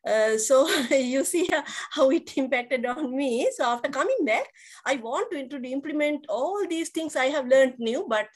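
A woman's voice: sits high, animated, normal speed. A middle-aged woman from Sri Lanka, a guest on a video-call interview, hesitant, with many fillers and restarts. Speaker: guest educator. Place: indoors, virtual background.

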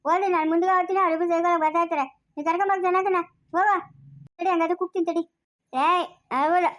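A woman's voice: very high-pitched, fairly even intonation, quick pace, fairly bright tone. A woman playing a village woman of the house in a family skit, speaking with a rural Chikkaballapur Kannada accent. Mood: bustling.

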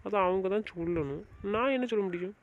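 A man's voice: fast, noisy background. A man playing a husband in an amateur drama, coaxing and pleading. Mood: advising. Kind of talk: amateur web drama acting. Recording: muffled low-fidelity recording.

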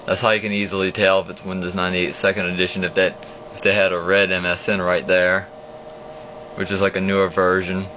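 Speaking fairly quickly in a low monotone, a young vlogger talks through an old computer while clicking around at his home desk. It's a casual, rambling screen walkthrough with no script. The phone held at the monitor picks up dull, lo-fi audio and a constant hum.

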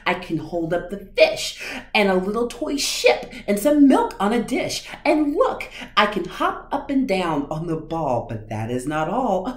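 A woman's voice: mid-range voice, echoey room, pitched above the performer's own voice. A boastful, playful storybook tomcat, put on by a woman, eager and theatrical. The delivery swoops up and down in a sing-song way, exclaiming with showman's flair. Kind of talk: storybook read-aloud.

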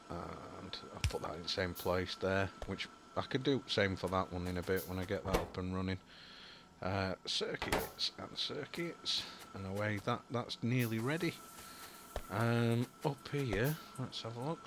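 A young man from Yorkshire, England, who makes gaming videos, commentates casually on a building game, rambling and thinking aloud with many ums and apologies. His fairly low voice is expressive and unhurried, with background noise present.

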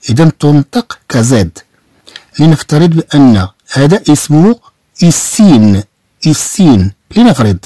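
A man with a Moroccan Arabic accent teaching French to beginners, repeating each word slowly and spelling out its sounds. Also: medium pitch, dark tone, dry recording. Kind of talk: online language lesson.

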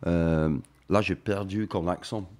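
English man, deep low voice, French with English accent, hesitant interview guest. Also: steady tone, darkish tone. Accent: English, speaking French. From England. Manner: halting, many fillers and restarts. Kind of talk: radio interview.

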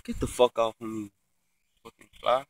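A man's voice: medium pitch, fairly even intonation, normal speed. Young man vlogging with a stuffy nose. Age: young adult. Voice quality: stuffy-nosed, congested sound. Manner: slangy, laid-back, swearing freely. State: sick with the sniffles. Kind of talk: casual rambling vlog chat. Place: outdoors in a yard, reclining in a chair. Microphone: phone at arm's length.

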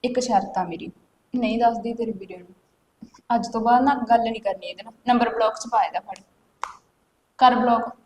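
In a Punjabi web drama, a woman with a Punjabi accent plays a strict village sister-in-law, scolding firmly and sounding stern. Her voice is on the high side and fairly quick with long pauses, lightly acted, recorded in an echoey room with faint noise.

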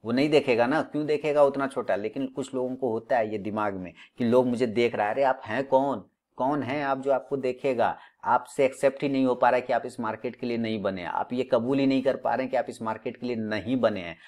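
A man's voice: medium pitch, fairly quick, darkish tone. A man teaching stock trading in a lecturing monologue, scolding and repeating phrases for emphasis. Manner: scolding, full of rhetorical questions.

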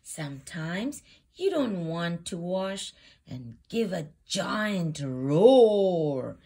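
A woman with a lowish voice hosts a reading of a children's storybook, phrasing each line expressively and deliberately for young listeners.

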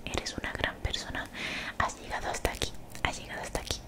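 A young woman gives soothing, motivational ASMR in a breathy whisper very close to the mic, gently repeating phrases. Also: a little fast. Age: young adult. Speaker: ASMR creator. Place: small bedroom, indoors. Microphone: desktop condenser mic, very close.

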